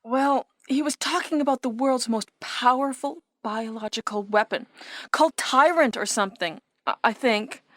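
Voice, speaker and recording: A stilted young soldier. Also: female voice, fairly high pitch, normal speed, fairly bright tone, no echo, clean studio sound. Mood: brisk. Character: young female special-forces soldier. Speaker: game character. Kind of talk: 1990s video game voice acting. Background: music.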